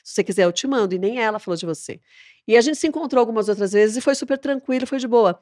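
A woman TV presenter talks as a podcast guest. She speaks quickly in a slightly high voice and tells her anecdotes with lively energy, acting out every voice. The sound is dry and close. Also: no echo. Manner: lively storyteller, acts out dialogue. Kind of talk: casual interview chat.

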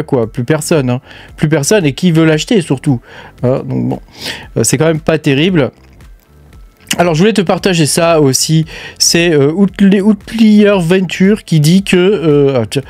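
A man's voice: a little high, a little mellow, dry recording. A man hosting a casual crypto news show, talking straight to the viewer in a chatty, filler-heavy way. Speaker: crypto mining news host. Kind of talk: casual unscripted commentary.

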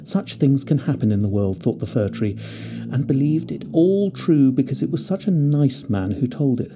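A man narrating a fairy tale with gentle, expressive storytelling. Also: mid-range voice, normal speed, noisy background.

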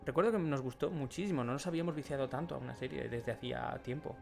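Guy cohosting a chatty podcast, mid pitch, goes on at length, faint music under it. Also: fast, gravelly, a little mellow. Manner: conversational, explains at length. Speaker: podcast co-host. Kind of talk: casual chat.

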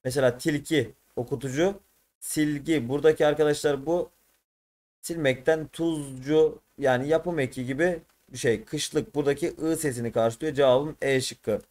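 Teacher, male, slightly high voice, tired, thinks aloud and self-corrects. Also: steady tone, moderate pace, a little mellow. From Turkey. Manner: thinks aloud, corrects himself mid-solution. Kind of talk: exam prep lesson.

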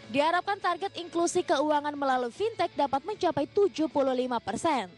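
A woman presenting a business news segment, reading a scripted voice-over in a bright, upbeat way. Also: high voice.

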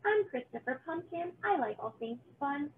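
A woman's voice: sits high, lively intonation, moderate pace, phone-quality sound, slight background noise. A woman voicing a friendly, eager little boy pumpkin in a children's storybook, sweet and upbeat. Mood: cheerful. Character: cheerful, friendly little male pumpkin who loves fun.

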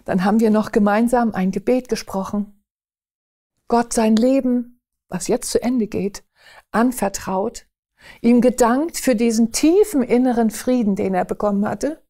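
A woman recounting a personal faith testimony in an earnest, emphatic way, slowing down on key phrases. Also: a little high, mellow.

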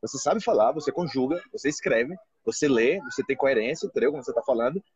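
On a live video call from a restaurant, a Brazilian Portuguese teacher in his thirties who hosts a channel talks casually and animatedly, frequently asking "entendeu?". He's a fast talker with an expressive, mid-range, slightly mellow voice. The audio from the phone, held close on its front camera indoors, is dull.

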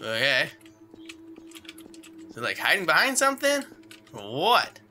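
A man's voice: fairly high pitch, wildly swooping pitch, unhurried, sharp tone, faint music behind. A man giving let's play commentary on a horror game, muttering to himself and yelping at every scare. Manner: jumpy, yelps and screams at scares. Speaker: gamer playing a horror game.

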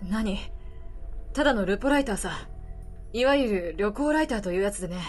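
A woman voicing a middle-aged male travel reporter from a game, world-weary, kindly, calm and measured. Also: slightly rough, faint music behind. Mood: guarded, wry. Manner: calm, low, measured delivery. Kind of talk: reading game dialogue in character.

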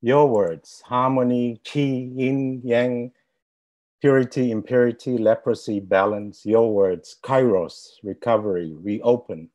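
A man standing in as a poet, explaining a poetic benediction and then reciting his poem in a slow, measured way. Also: medium pitch, darkish tone, muffled recording.

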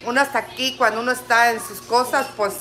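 An older woman's voice, bright and forceful, pitched a little high. She speaks firmly and lecturingly in a casual livestream chat, like a grandmother setting rules. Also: steady tone, a little fast. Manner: firm, lecturing tone.

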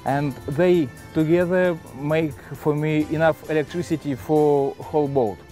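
Russian accent guy explaining stuff in halting broken english, casual interview, music behind him. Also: a little high, steady tone, dark tone. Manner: halting, simple broken English with repeated words. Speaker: adventurer and sailor, interviewee. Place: on a sailboat in a marina, cockpit and cabin.

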